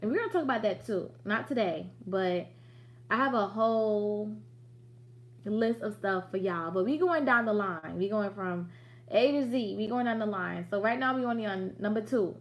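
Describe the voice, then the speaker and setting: A woman's voice: medium pitch, animated, moderate pace. A woman in her late thirties hosting a business livestream in a chatty, direct, motivating way with slangy asides. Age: late 30s. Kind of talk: casual livestream talk.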